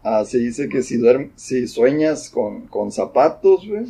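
A man's voice: mid-range voice, big pitch swings, unhurried, vocal fry, dark tone, slightly rough, poor audio. A young man with a Mexican accent, chatting casually in a laid-back, slangy way. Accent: Mexican Spanish. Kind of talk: casual chat.

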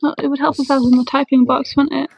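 A woman playing in an online tabletop game, excitable and quick to cheer. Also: high voice, creaky, slight background noise, poor audio. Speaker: player. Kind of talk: casual tabletop play over voice chat.

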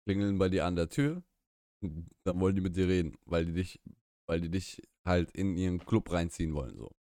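A young podcast co-host whose first language is Russian chats casually on a live stream from a small room, rambling, opinionated and prone to restarting and correcting himself. He speaks at normal speed in a low-pitched, expressive, mellow voice, heard in studio quality with no echo.

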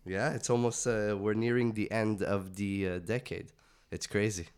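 A man co-hosting a casual music podcast, sick this week and raspy. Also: fairly low pitch, fairly even intonation, moderate pace. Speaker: podcast co-host. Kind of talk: casual chat.

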